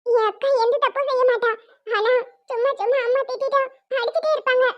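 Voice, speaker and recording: This woman's very high voice, quick yet fairly even in intonation, plays an earnest little boy begging on behalf of his older sister in cartoon voice acting. The recording has a dull, lo-fi quality.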